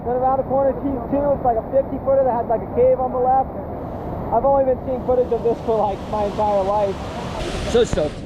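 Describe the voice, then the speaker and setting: A high-voiced man talks excitedly to the camera while out on a river trip, his words cutting through loud rushing water and wind. He sounds stoked and casual, with an easy vlogger's energy. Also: lo-fi sound. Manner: excited, hyped, shouting whoops. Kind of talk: casual outdoor vlog narration. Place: outdoors by a river and snowy road.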